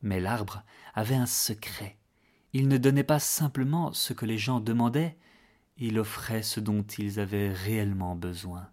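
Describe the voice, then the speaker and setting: A man narrating a fairy tale in a gentle, measured way, sometimes dropping to a hush. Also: fairly low pitch. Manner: gentle, measured, hushed at moments. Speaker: storyteller.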